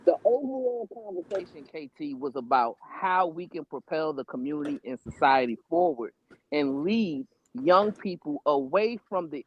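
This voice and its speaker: A man lecturing bluntly on a group call, his voice muffled and breaking up, often asking "right?". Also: fairly high pitch. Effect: muffled, breaking-up call audio. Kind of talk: lecturing debate talk. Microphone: online voice call.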